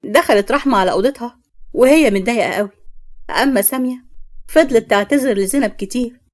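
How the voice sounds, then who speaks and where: A woman narrating a story with an Egyptian accent, in a brisk and plain way. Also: fairly high pitch. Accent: Egyptian Arabic.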